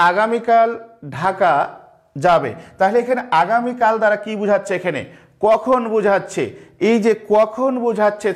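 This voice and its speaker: A man with a Bangladeshi Bengali accent teaches an online grammar class in a fairly high voice. He goes slowly, repeating each key term and posing questions he then answers himself. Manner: slow, repeats key terms, asks and answers his own questions.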